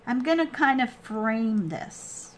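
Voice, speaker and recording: A woman with a slightly high voice walks through a craft project at a very slow pace. She is casual and halting, often trailing off and restarting as she explains each step. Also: animated, slight background noise. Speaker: craft tutorial host.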